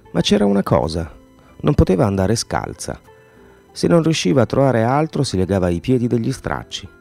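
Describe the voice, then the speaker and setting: A man reading a novel aloud, voicing the villagers' dialogue expressively and pausing to explain a word. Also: creaky. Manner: expressive, voices the villagers' lines with raised pitch. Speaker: audiobook reader.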